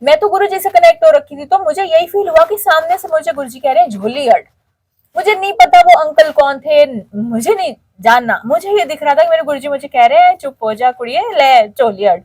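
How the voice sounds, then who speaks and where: Middle-aged woman, high voice, dry close sound, heartfelt devotional testimony, emotional storyteller. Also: big pitch swings, brisk, few pauses, darkish tone, no echo. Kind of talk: emotional spoken testimony to a congregation.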